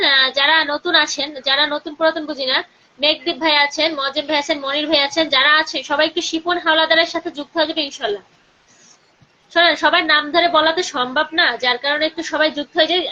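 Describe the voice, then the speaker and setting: A woman with a Bangladeshi Bengali accent hosting a live stream, chatting with viewers and urging them to share and comment, sometimes talking softly. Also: sits high, steady tone, dull audio. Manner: speaking slowly and softly during the call to prayer.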